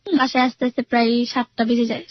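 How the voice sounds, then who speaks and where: A woman's voice: on the high side, fairly even intonation, fast, no echo, highs cut off. A young woman earnestly retelling her own life story in a rambling way, with many fillers. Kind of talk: personal storytelling interview.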